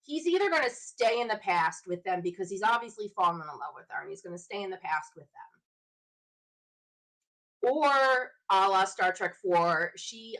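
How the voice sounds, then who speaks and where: A woman's voice: mid-range voice, a bit bright, low-quality recording. A woman hosting her own show, talking casually on her own and thinking aloud as she speculates in a chatty way. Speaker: show host. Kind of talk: casual solo fan commentary.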